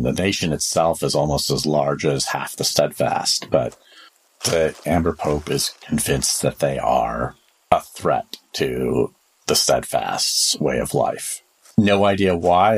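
A man runs a tabletop role-playing game as game master. His voice is extremely deep with a husky grain, and he explains the world and its characters in improvised narration.

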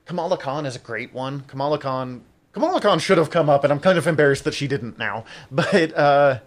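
Male podcast co-host, casual and profane, a little high-pitched, quick to laugh. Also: expressive. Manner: rambling, swears often, laughs a lot. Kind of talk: casual chat.

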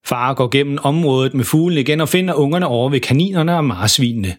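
A man's voice: mid-range voice, expressive. Man narrating a children's story.

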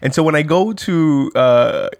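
A man co-hosting a podcast in casual chat, halting with lots of restarts and slang, often laughing. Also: a little high, expressive, creaky, no room sound, studio quality. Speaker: co-host.

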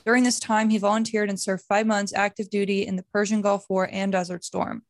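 A woman's voice: medium pitch, flat delivery, fairly quick, no room sound, clean studio sound. A woman co-hosting a podcast, introducing and interviewing a guest. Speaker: podcast co-host.

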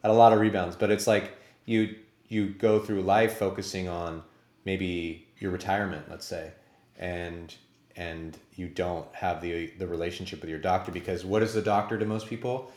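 A man's voice: low voice, fairly even intonation, moderate pace, darkish tone, reverberant. A man in his forties hosting an interview show, chatting in a rambling, self-deprecating way. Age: 40s. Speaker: podcast host. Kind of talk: casual interview chat.

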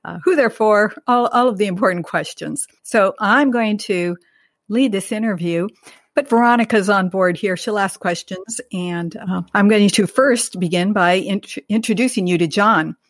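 A woman's voice: mid-range voice, moderate pace, no echo. Woman podcast interviewer, dry close sound. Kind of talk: prepared guest introduction and interview.

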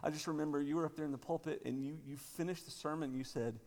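Man, 30s, pastor, rough gravelly tone, hesitant talker, cathedral echo. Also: fairly high pitch, steady tone, a little mellow. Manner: halting, with many fillers and restarts. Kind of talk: conference talk and prayer. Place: large parish church. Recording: cathedral echo, long church reverb.

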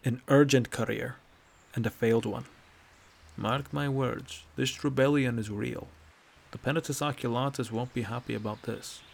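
A man's voice: mid-range voice, fairly even intonation, moderate pace, creaky. A man voicing a sardonic old male Nord traveler with a dry, lecturing manner, in a read-aloud fantasy story. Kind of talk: audiobook character voice.

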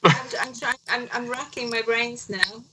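A woman from Barnsley, England, a guest on a casual podcast over a video call, with quick self-deprecating asides. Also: fairly high pitch. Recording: noisy remote call line.

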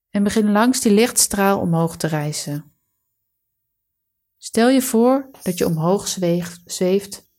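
A woman leading a guided relaxation meditation, giving calm, soothing, measured instructions. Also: medium pitch.

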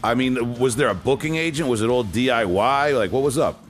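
A man's voice: medium pitch, fairly quick, faint music behind. A man hosting a casual podcast interview, asking loose questions with lots of fillers and restarts.

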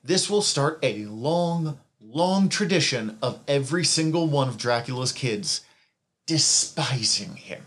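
A man's voice: mid-range voice, animated, measured pace, fairly bright tone. Guy on a podcast going through comic lore, rambles and corrects himself a lot, chuckles at his own asides. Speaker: podcast co-host recapping comics. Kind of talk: casual podcast recap.

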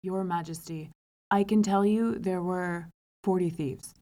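A woman's voice: on the low side, fairly even intonation, a little slow, dark tone, close to an everyday voice. Woman doing a timid, nervous young man. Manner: worried, hesitant.

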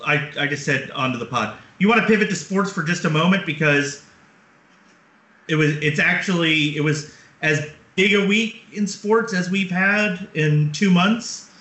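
A man's voice: a little high, unhurried, pushed and bright. A man in his thirties hosting a podcast over a remote call, rambling with fillers and restarts while his connection breaks up. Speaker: podcast host. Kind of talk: casual remote chat. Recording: echoey remote call line, dropping out.

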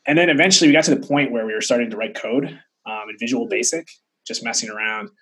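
A man's voice: medium pitch, fast, fairly bright tone, breathy edge, low-quality recording. A man in his thirties, an interview guest telling casual stories with asides and frequent checks on the listener. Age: 30s. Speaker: interview guest, tech entrepreneur.

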